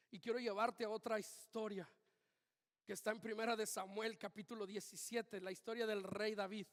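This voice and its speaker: A man preaching a sermon as pastor, swinging between loud urgent calls and quiet asides. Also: very high voice. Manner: animated preaching, shifts from shouting to quiet asides. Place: church hall. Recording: long hall reverb.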